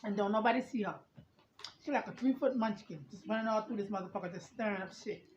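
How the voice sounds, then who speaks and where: A woman's voice: mid-range voice, quick pace, darkish tone, slight background noise. A woman in a casual, incredulous, profanity-laced reaction rant. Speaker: vlogger reacting to a radio advice segment. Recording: roomy, slightly dull home recording.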